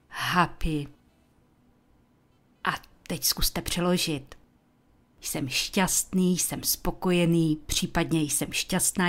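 Low-voiced woman teaching English slowly. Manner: slow, deliberate enunciation of words to repeat. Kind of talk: language lesson with repetition drills.

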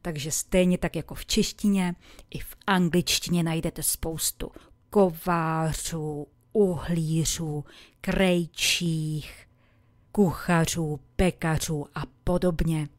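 A woman giving a scripted English lesson as a teacher, carefully and deliberately enunciating example words. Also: low-pitched, steady tone, dry recording.

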